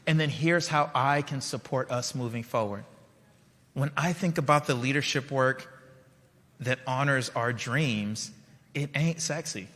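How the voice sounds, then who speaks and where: A Liberian keynote speaker delivers a conference speech from a stage in a bright, forceful, medium-pitched voice at an unhurried pace. His style is conversational and built on stories, with frequent asides to the crowd. A long reverb from the large hall hangs on the sound.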